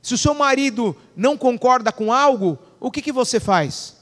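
High-voiced preacher man in a reverberant hall. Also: expressive, moderate pace, fairly bright tone. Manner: preaching with call-and-response questions to the congregation. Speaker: pastor. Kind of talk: sermon.

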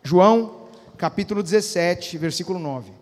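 A man's voice: sits high, normal speed, darkish tone, long reverb tail. A male pastor preaching a sermon, often asking the congregation questions and waiting for their answers. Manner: preaching with frequent call-and-response questions to the congregation. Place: church.

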